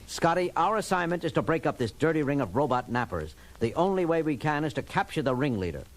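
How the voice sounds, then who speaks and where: Confident starship captain, higher-pitched voice. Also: male voice, sing-song, fast talker. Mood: assured. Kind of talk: 1970s audio drama acting. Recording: vintage 1970s record, loud music behind.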